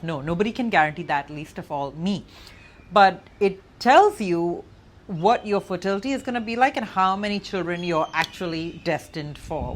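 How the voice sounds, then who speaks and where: A woman's voice: on the low side, a little hiss or hum. A young adult woman matchmaker giving earnest, direct advice to the viewer in a vlog.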